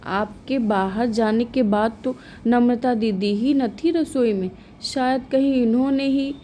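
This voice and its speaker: Woman reader as a scheming young sister-in-law, sly and fake-innocent, slow delivery. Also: a little high, warm tone, slight background noise, close to an everyday voice.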